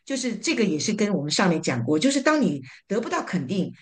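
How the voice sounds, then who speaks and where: A woman summarizing her church small group's discussion in a casual, halting way, with frequent fillers and repeated words. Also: medium pitch, big pitch swings. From living in North America.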